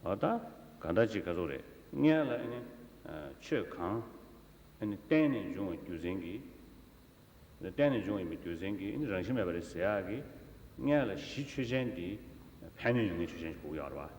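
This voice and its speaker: A Tibetan man with a very low voice gives a Buddhist teaching in a halting way, repeating words as he goes. His voice rings through a large reverberant hall with a little noise. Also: lively intonation, darkish tone. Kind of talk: religious teaching, spoken in turns with an interpreter. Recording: echoey hall, long reverb, faint noise.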